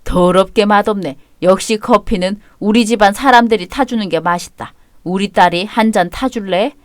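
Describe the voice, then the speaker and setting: An actor voicing an older father-in-law who is blunt and domineering, talking in a gruff, commanding way. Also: medium pitch, moderate pace, dry recording, studio quality, close to an everyday voice. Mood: scornful.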